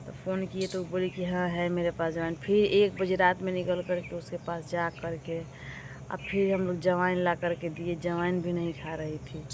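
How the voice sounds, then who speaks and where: A woman's voice: fairly low pitch, noisy background. A young woman from Bihar, telling a story to her viewers in a casual vlog and complaining in exasperation. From Bihar, India. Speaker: vlogger. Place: doorway of a village house, outdoors.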